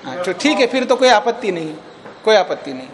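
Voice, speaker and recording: Firm high-voiced Indian male teacher. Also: big pitch swings, a little fast, a crowd in the background. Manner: firm, patient, repeats points. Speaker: teacher of philosophy. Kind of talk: classroom debate.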